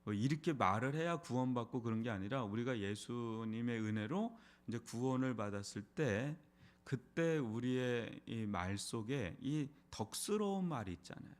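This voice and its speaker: A man's voice: medium pitch, lively intonation, normal speed. A middle-aged man, a pastor, preaching an early morning sermon in a church in a conversational way, with frequent rhetorical questions. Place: church sanctuary.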